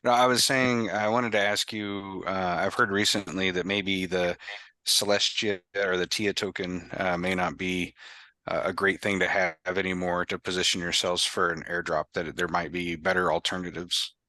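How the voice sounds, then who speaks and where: A man's voice: sits low, level tone, moderate pace, pushed and bright, no room sound. A man hosting a casual group video call, talking in a rambling way with many fillers and restarts. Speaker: host.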